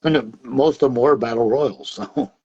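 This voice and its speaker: A middle-aged man tells stories from his wrestling past in a relaxed interview. He rambles, laughs often and leans on fillers. His voice sits at a medium pitch, and the sound is a bit dull and lo-fi. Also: moderate pace, breathy edge. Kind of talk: casual storytelling interview.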